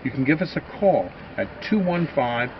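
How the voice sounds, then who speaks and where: Steady man pitching outdoors. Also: moderate pace, muffled recording, noisy background. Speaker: farm grower. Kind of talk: casual promotional walkthrough.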